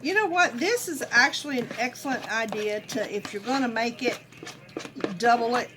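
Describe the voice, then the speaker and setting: Casting: mature woman, slightly high pitch, casual folksy home-cook vlogger, chatty delivery straight to the audience. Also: moderate pace, background noise. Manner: folksy, chatty, addressing viewers. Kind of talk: casual cooking demonstration chat.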